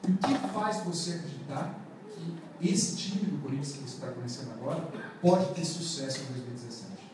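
A man's voice: mid-range voice, fairly quick. A man with a Brazilian accent asking a question as a reporter at a press conference. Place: indoor press conference room. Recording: echoey room, distant mic, clearly noisy.

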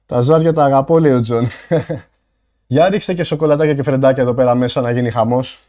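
A man streaming live, chatting casually with viewers while out of breath and thanking donors with loud bursts of excitement. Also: mid-range voice. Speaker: livestreamer. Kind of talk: casual livestream chat with viewers.

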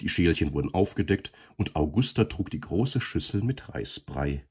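A man giving a lively, expressive reading of a storybook. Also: low-pitched, normal speed, slightly rough.

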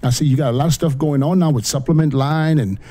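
A man's voice: on the high side, fast, mellow. A middle-aged man hosting a podcast in a studio, asking eager, repetitive questions in casual chat on a studio mic. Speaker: podcast host. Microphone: studio mic with headphones.

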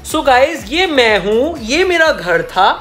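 Loud music plays behind a twentysomething vlogger whose voice is extremely high and swings widely in pitch as he takes things slowly. Phone held at arm's length, he jokes his way through a home tour of his small apartment in Hindi sprinkled with English.

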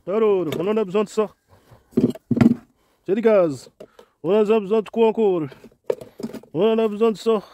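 A man's voice: sits high, dark tone, slight background noise. A tired man chatting to himself outdoors as he films his garden DIY from a camera strapped to his head. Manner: rambling, chatty, talks to himself and his animals. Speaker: vlogger doing garden DIY. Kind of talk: casual self-narrated vlog. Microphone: head-mounted camera.

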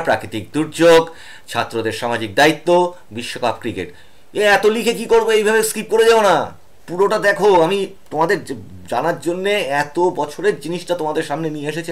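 A man teaching an online exam-prep lesson, reading out lists of essay topics year by year and stopping to explain, with fillers between items. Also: mid-range voice.

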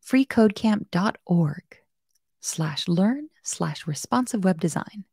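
A woman teaching coding puts on a chirpy cheerful robot voice as a screen reader reading a web page slowly aloud. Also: medium pitch, lively intonation, vocal fry, a little mellow, husky, dry recording, clean studio sound, exaggerated voice. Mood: chirpy robotic. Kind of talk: live coding lesson.

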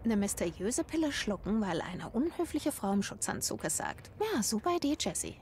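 An actress playing a skeptical, sardonic young heroine in a video game, guarded and wry. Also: female voice, mid-range voice, big pitch swings, normal speed, a little mellow, a little hiss or hum. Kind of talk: dubbed video game dialogue.

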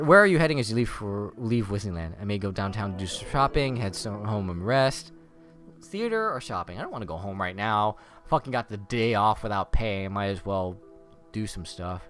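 Male let's-play host: reads game text, sarcastic asides, very animated delivery, faint music bed. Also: lowish voice. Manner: sarcastic, swears and laughs at the story. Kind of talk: casual game commentary, reading game text aloud.

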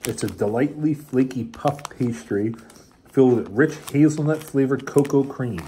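A man's voice: mid-range voice, moderate pace, warm tone, slight background noise. A father casually reviewing snacks with his child, reading the package blurbs aloud and teasing playfully.

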